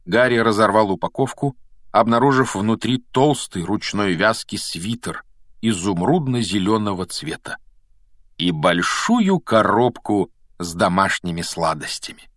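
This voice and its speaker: Guy narrating an audiobook, low voice, measured and expressive, dry close sound. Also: no echo. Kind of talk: scripted narration.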